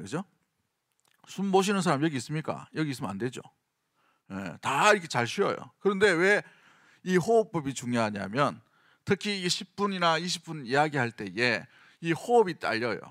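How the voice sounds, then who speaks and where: A man's voice: fairly high pitch, a bit bright, no room sound, studio quality. A middle-aged man with a Gyeongsang accent preaching a sermon in a conversational way, often asking the congregation questions. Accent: Gyeongsang Korean. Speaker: senior pastor.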